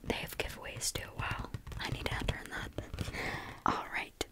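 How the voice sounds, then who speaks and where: A young woman whispering softly in a chatty ASMR snack-tasting video, with eating sounds between her words. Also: normal speed. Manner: chatty, says like and you know often.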